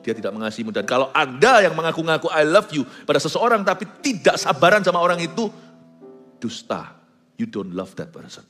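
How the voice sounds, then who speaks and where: A male pastor preaches in a high, animated voice, mixing English phrases into his sermon with joking asides. His voice rings through a large hall with a long reverb, and faint music plays underneath.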